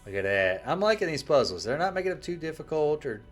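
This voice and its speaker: A man casually commenting on a horror game while he plays, relaxed and musing. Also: on the high side, fast talker, faint music behind. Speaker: gameplay commentator. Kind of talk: casual let's play commentary.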